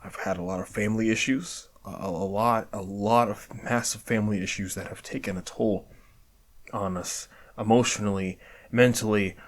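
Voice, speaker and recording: Speaking at normal speed with a fairly low pitch and fairly even intonation, a man offers an honest year-end reflection for his video. He's earnest and pokes fun at himself, cursing offhandedly and frequently stumbling and starting over.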